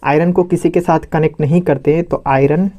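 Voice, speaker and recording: Brief: male tutor, mellow tone, teasing and jokey while explaining exam material. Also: a little high, brisk. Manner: teasing, joking, lively explaining. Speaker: teacher. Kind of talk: playful exam-prep lesson.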